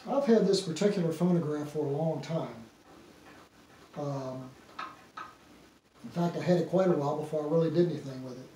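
A man's voice: a little high, brisk, pauses often, warm tone. Echoey middle-aged man, casually demonstrating. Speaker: phonograph demonstrator. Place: small indoor room full of antique phonographs. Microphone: distant camera microphone. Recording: very echoey room, distant mic, faint noise.

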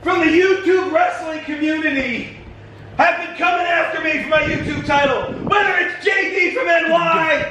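A young man bellows a wrestling promo full of heel bravado, his voice pitched high. The sound bounces around an echoey warehouse, buried in loud crowd chatter and heavy noise. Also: fairly even intonation, normal speed.

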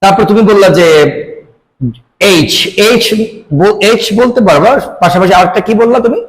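A man with a Bangladeshi accent jokingly pretends to get things wrong as he teaches a student English pronunciation, mixing Bengali and English in a lighthearted classroom session. His voice sits high at a normal speed, and the recording sounds rough.

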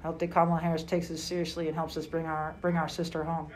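A woman in her forties, a basketball head coach answering questions at a postgame press conference, speaking in a measured, halting way with many fillers. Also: deep voice, monotone, a little mellow. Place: small room indoors at a table.

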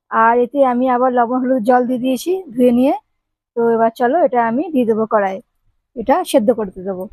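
A woman hosts her own home cooking video, talking directly to her viewers and walking them through each step. Her voice sits a little high with a soft, mellow tone. The sound is dry and close, with no room echo. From Bengal. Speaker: home cooking channel host. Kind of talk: casual cooking demonstration.

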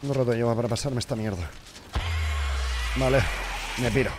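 A man's voice: mid-range voice, normal speed, background noise. A young man, commenting live on his own gameplay, frustrated, swearing often and talking to the game. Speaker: gaming streamer.

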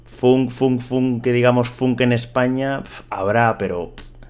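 A man's voice: mid-range voice, a little slow, noisy background. A young man from Spain with a Spanish accent from Spain, hosting a casual, joking reaction video. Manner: excitable, joking, playful.

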